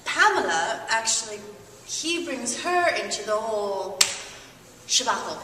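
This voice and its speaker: A woman's voice: on the high side, big pitch swings, a little slow. A woman, a stage actor, answering interview questions with giggles and keeping plot details coy. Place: theatre hall. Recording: distant mic in echoey theatre, noisy.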